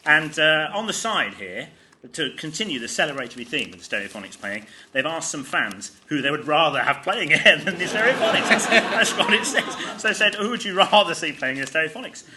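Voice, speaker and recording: A man's voice: a little high, expressive, brisk, sharp tone, slight background noise. A man co-hosting a live comedy podcast, dryly reading out newspaper items with wry asides. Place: live stage show before an audience.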